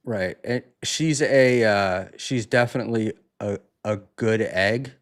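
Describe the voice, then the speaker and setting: A man hosting a casual talk show, chatting loosely, with many fillers and false starts. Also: fairly low pitch. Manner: rambling, halting, many fillers and restarts. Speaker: podcast host. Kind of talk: casual chat.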